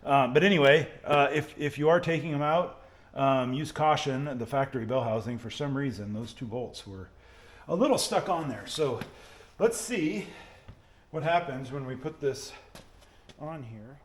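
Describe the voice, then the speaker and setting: A car mechanic hobbyist who hosts a channel narrates a casual hands-on how-to while working, thinking aloud with some hesitation. His medium-pitched voice moves at normal speed, and in the noisy room it drifts off mic.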